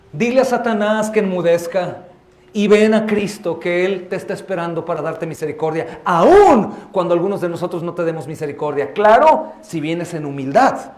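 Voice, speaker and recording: A man preaching a fervent sermon in a high, bright-edged voice, his words ringing around an echoey church room. He slips into other people's voices to act out the scenes he describes, then returns to urging his listeners on. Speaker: pastor. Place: church sanctuary.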